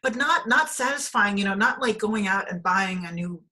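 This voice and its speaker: A woman from Denmark hosting a spiritual podcast interview, talking in a halting way with many restarts and fillers. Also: medium pitch, lively intonation, pushed and bright. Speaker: podcast host. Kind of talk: casual conversational interview.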